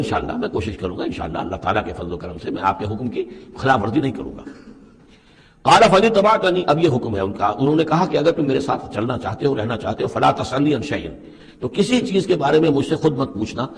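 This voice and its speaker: A man teaching a Quran commentary, reciting verses and then explaining each one in a measured lecturing manner. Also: medium pitch, in a large hall. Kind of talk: Quran translation and commentary lesson.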